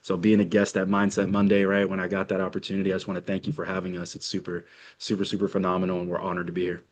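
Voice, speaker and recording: A man's voice: low voice, monotone, very fast. A man who is a guest in an interview, talking confidently and tagging his points with a questioning aside. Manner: confident, keeps tagging "right?". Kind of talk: interview conversation.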